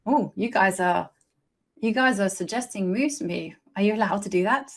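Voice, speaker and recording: A woman's voice: medium pitch, normal speed. A woman streaming her chess games, chatting casually and thinking aloud as she plays. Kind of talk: casual live-stream commentary.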